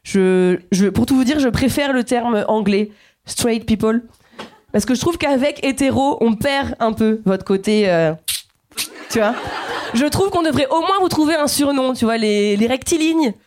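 A woman's voice: on the high side, measured pace, darkish tone. A woman in her thirties from Guadeloupe, performing a playful, chatty stand-up set and talking directly to the audience. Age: 30s. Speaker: stand-up comedian. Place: comedy stage.

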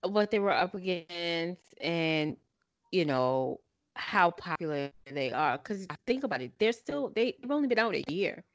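A woman's voice: fairly low pitch, animated, measured pace, no room sound. A woman co-hosting a casual chat podcast over a call, explaining things at length and thinking aloud. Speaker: podcast co-host.

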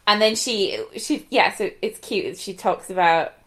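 A Galway woman with a west of Ireland accent chats casually as co-host of a podcast that reviews cookbooks. Her voice is mid-range and slightly bright, and she speaks at a measured pace.

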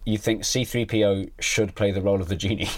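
A man, a guest comedian, chatting on a podcast with deadpan, absurd jokes. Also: lowish voice, fast. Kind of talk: casual podcast chat.

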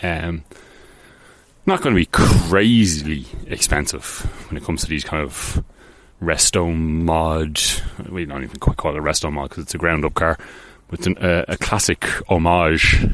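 A man with a very deep, low voice chats loosely through a solo podcast. He wanders and hesitates, filling gaps with ums and false starts, and often makes light of himself. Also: moderate pace, a bit bright, no echo. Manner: rambling, hesitant, many ums and restarts; offhand and self-deprecating. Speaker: podcast host. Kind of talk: casual solo podcast about cars.

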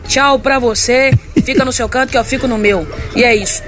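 Sassy high-voiced Brazilian woman. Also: steady tone, brisk, fairly bright tone, faint music behind. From Minas Gerais, Brazil. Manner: brash, sassy, punchy storytelling. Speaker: listener sending a voice message. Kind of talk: recorded voice message, casual.

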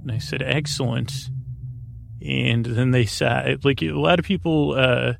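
A man with a rusty, gravelly voice hosting a bedtime podcast, meandering absent-mindedly through halting tangents and often interrupting himself. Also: mid-range voice, steady tone, over music. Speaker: podcast host. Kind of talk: rambling bedtime monologue.

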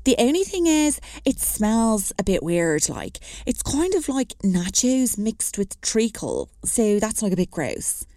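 Woman doing a smug teenage schoolgirl, mellow tone, dry close sound, know-it-all drawl full of "like". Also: fairly high pitch, very animated, measured pace, few pauses, no echo. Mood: warning. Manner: drawling, filler-heavy "like" talk.

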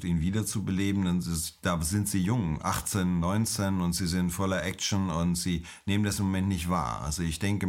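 A middle-aged man, an emergency doctor, answering interview questions in a calm, measured, explanatory way. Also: sits low.

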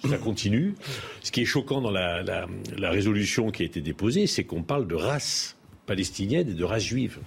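A man speaking as a politician in a televised debate, indignant, with halting restarts. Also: on the low side, expressive, slight background noise.

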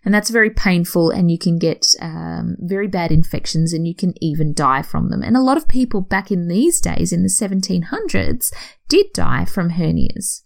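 Woman host, lower voice with some fry, chatty and explanatory, lesson-style delivery. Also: expressive, normal speed. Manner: explanatory, conversational, self-correcting. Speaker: podcast host. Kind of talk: educational talk.

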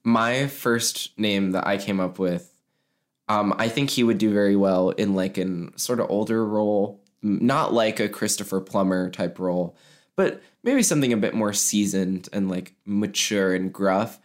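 Very low-voiced chatty woman. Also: unhurried. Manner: chatty, laughs often, trails off with fillers. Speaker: podcast co-host. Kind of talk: casual chat.

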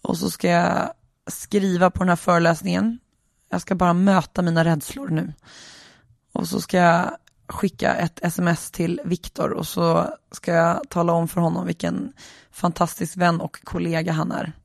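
Tired, gravelly solo podcaster. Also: mid-range voice, little pitch movement, no room sound, studio quality. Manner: reflective, rambling, many hesitations. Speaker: podcast host. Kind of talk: casual solo podcast monologue. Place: lying in bed, alone.

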